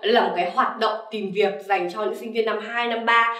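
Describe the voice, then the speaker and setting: A young woman's steady, fairly high voice comes across pushed and bright, a little on the fast side. She is teaching Japanese vocabulary, calling herself sensei and repeatedly asking "right?" to check in. The mic sits far from her, and the room is echoey.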